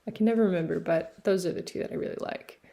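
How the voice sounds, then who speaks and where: A knitting podcast host from Newfoundland, Canada, chatting casually and rambling with fillers and self-corrections as they show yarn and socks in a seaside cabin. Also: female voice, on the low side, fast, gravelly, warm tone. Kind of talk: casual show-and-tell chat. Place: cabin by the sea.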